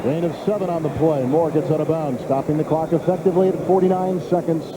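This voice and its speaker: A man's voice: a little high, quick pace. A man calling live football play-by-play. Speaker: play-by-play announcer. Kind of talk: live American football commentary. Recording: very noisy stadium broadcast. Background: loud stadium noise.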